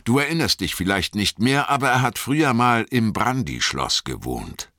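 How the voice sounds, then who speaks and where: A man's voice: mid-range voice, sing-song, moderate pace, sharp tone, no room sound, clean studio sound, voice pushed up. A man voicing a cheerful young male hobbit in an audiobook, friendly and polite. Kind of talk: audiobook character voice.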